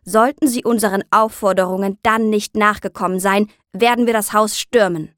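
Woman voicing a loud, barking soldier commander. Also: mid-range voice, steady tone, normal speed, no room sound, clean studio sound, lightly acted. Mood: commanding.

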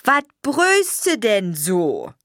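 A woman voicing a grumpy old grandmother with a gruff, drawling manner. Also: medium pitch, wildly swooping pitch, very slow, fairly bright tone, dry recording, clean studio sound, voice pushed up, exaggerated voice.

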